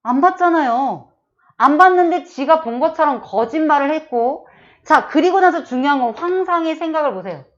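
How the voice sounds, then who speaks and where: A woman with a fairly high voice leads an exam-prep literature lecture. She walks through the story step by step and keeps asking whether the class is following. The audio is dull and lo-fi. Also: expressive, normal speed. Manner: explains step by step, with frequent checking questions. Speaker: Korean literature teacher.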